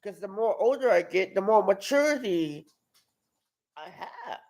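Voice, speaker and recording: A man in his twenties giving a personal testimony, halting and often repeating and restarting his words. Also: high voice, lively intonation, darkish tone, low-quality recording. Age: 20s. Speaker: testimony speaker at a live-streamed outreach.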